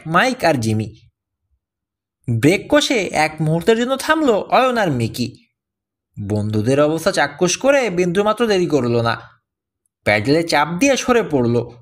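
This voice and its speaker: A man narrating an adventure story, reading every character's lines in his own voice. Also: a little high. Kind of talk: scripted audiobook narration.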